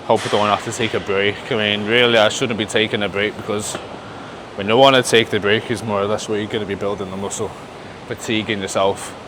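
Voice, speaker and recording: A man's voice: fairly low pitch, fairly even intonation, a little fast, background noise. A man muttering casually and thinking aloud as he films a gym vlog. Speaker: fitness vlogger. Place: indoor gym.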